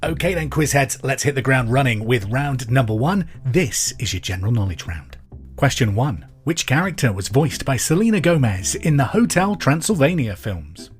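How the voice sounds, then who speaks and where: Big pitch swings mark this Englishman's medium-pitched delivery as he hosts a pub quiz podcast at a moderate pace. He chats casually, restates questions clearly, and music sits behind his voice.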